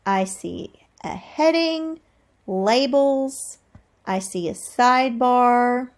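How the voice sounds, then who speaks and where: Reading aloud to little children, this teacher speaks at a fairly high pitch with careful, expressive pacing. She wonders out loud and asks the kids questions.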